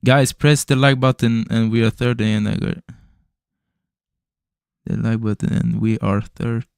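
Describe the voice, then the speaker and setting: A young man with Serbian parents, raised elsewhere in Europe, livestreams his futures trading with chatty, casual commentary, swearing, laughing and calling viewers bro. His medium-pitched voice barely moves in pitch and comes at a measured pace, creaky, smooth and a little mellow. The recording is dry and studio quality.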